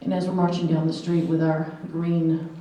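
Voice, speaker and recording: Her voice sits on the low side, dark-toned and flat, moving at a moderate pace. She's a woman in her sixties giving a heartfelt conference lecture packed with anecdotes and acted-out quotes, captured by a faraway mic in an echoing hall.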